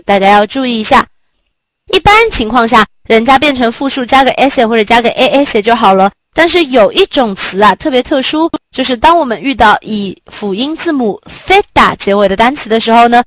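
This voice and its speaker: A woman teaching a recorded Spanish lesson in a lively, coaxing way, often asking the class rhetorical questions. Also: on the high side, no room sound.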